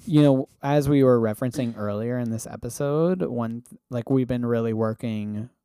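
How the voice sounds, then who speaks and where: Male podcast co-host, casual storyteller, full of "like" and "um", warm low tone. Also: moderate pace, smooth, dry recording, clean studio sound. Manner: chatty storyteller, lots of fillers. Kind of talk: casual chat.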